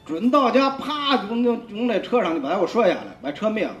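A man's voice: high voice, very animated, fairly quick. A man, giving a rambling, colloquial spoken testimony full of repeats and restarts. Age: 50s. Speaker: church member giving testimony. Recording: roomy, dull sound with faint music.

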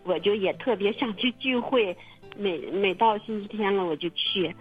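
A halting woman over a phone line. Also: mid-range voice, husky, soft background music. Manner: halting, repeats words, many fillers. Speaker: testimony guest. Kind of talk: casual personal testimony. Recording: muffled phone-line radio recording.

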